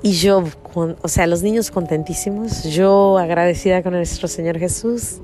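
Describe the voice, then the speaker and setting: A middle-aged woman gives a personal faith testimony in a somewhat low voice. She speaks earnestly and repeats herself, often checking in with small tag questions. Soft music plays faintly behind her. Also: moderate pace. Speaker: mother telling a faith testimony.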